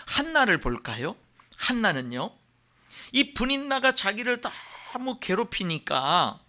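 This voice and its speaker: Expressive male pastor preaching. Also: high-pitched. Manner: expressive, repetitive emphasis. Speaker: senior pastor. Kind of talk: sermon.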